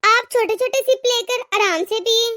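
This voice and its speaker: A woman's voice: very high-pitched, moderate pace, pushed and bright. A woman voicing a patient elder daughter-in-law in a cartoon who reasons with her mother-in-law. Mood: placating.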